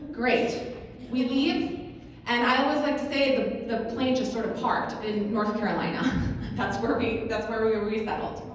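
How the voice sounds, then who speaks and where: A woman on the high side, steady in tone and at normal speed, addresses a convention audience persuasively; she grew up in Kuwait, works as an advocacy manager, and often asks "right?". The conference talk is recorded from afar in a large hall, sounding echoey and dull with slight background noise.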